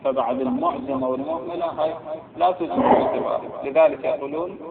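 Gravelly man teaching a religious text. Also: extremely high pitch, wildly swooping pitch, heavy background noise. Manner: slow, spells out letters and vowels, repeats words. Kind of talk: explaining a jurisprudence text line by line. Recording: tinny phone-like line, echoey room.

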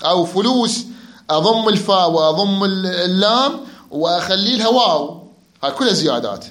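A man's voice: high-pitched, animated, brisk, a bit bright. A man teaching grammar, quizzing his students and repeating their answers. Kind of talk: classroom lecture. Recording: echoey room.

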